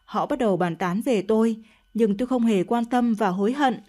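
A woman's voice: fairly high pitch, moderate pace, mellow. A woman narrating a dramatic first-person story in an emotional, confessional tone.

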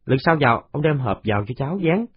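A man's voice: mid-range voice, big pitch swings, quick pace, breathy edge, dull audio, pitched above the performer's own voice. A man voicing a clingy six-year-old boy who pleads with his grandfather in a storybook reading. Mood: pleading.

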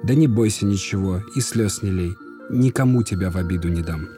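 Brief: a man reading a brave young folk hero, reassuring and tender, somewhat raised and louder than the narration. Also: low voice, fairly quick, music in the background, lightly acted.

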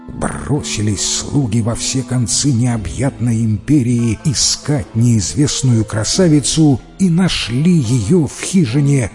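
A man narrating a fairy tale in a measured, expressive storytelling manner. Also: medium pitch.

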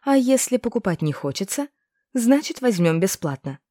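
A woman's voice: fairly high pitch, very animated, normal speed, mellow, no echo, clean studio sound, pitched above the performer's own voice. A woman doing a sly, mocking young witch.

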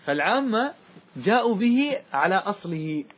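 A man teaching Arabic grammar as a sheikh, walking his class through word forms step by step and asking often whether it is clear. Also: sits high, big pitch swings, a bit bright. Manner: keeps checking that students follow, asking if it is clear; slows and repeats words to stress their forms.

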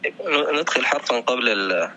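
Bright-voiced male student answering. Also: medium pitch, expressive, normal speed, rough recording. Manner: short answers, reads text aloud. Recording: faint background noise.

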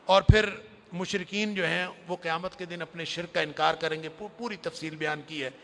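Gravelly, impassioned preacher. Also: male voice, fairly high pitch, steady tone, a little hiss or hum. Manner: impassioned, swinging from loud emphasis to near-whisper. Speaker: Quran scholar and preacher. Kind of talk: sermon-style Quran summary lecture. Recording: long hall reverb.

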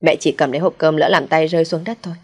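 A woman voicing a spiteful, sick elderly mother-in-law who scolds coarsely, in a low, husky voice. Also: fast talker, darkish tone. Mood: whining.

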